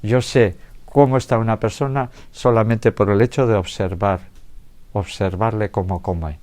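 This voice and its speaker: Guy with a lowish voice giving a health talk to a room, easygoing, keeps tossing in questions to the crowd. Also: darkish tone. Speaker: doctor giving a public lecture. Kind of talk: health lecture to a live audience. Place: health centre lecture room.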